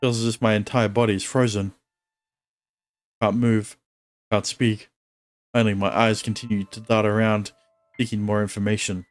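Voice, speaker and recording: A male streamer reads visual novel narration aloud in a steady tone, chatting casually between lines. His voice is on the low side, at normal speed, and he pauses often.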